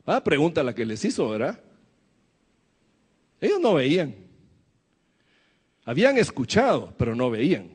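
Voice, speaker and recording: A man's voice: fairly high pitch, huge pitch swings, measured pace, long pauses, darkish tone, slightly rough, long reverb tail. A man preaching a sermon to his church, asking the congregation questions as he goes. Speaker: pastor.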